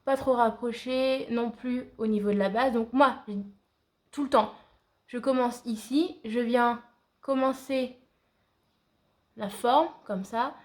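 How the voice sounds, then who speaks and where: Chatty woman with a high-ish voice. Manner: chatty, talks to viewers like friends; hesitant, frequent fillers. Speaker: beauty vlogger. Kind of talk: casual makeup tutorial.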